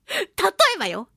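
With a bright, forceful tone, a woman hosts a solo radio show and reads listener mail, chatty and giggly, reacting aloud as she goes. She's playful and gushing, with exaggerated pleading, and the studio-quality recording is dry.

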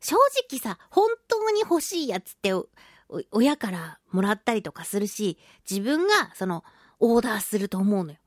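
Her medium-pitched, sing-song voice moves at a moderate pace in a studio-quality recording with no room sound. She is a radio host and voice actress doing a relaxed solo talk, giggling, chatting, and slipping teasingly into mock-polite phrasing while narrating.

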